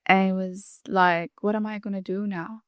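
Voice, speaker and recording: A Saudi Arabian chef and food blogger earnestly explains at length in an interview conversation, often restarting her sentences. Her mid-range voice is smooth and steady at a moderate pace, in a dry, studio-quality recording.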